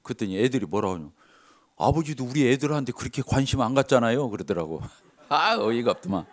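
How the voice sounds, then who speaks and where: A middle-aged male pastor with a mid-range voice speaks quickly, telling stories from his church in a sermon. He's animated, acting out the dialogue with shifts of voice.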